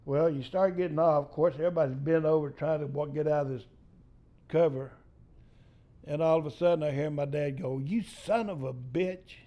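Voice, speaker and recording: An older Texan man tells a rough, cussing family yarn in an easygoing storyteller's way. His voice sits a little high but sounds dark and mellow. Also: fairly even intonation, a little fast. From East Texas. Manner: salty, profane yarn-spinning. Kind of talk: casual storytelling.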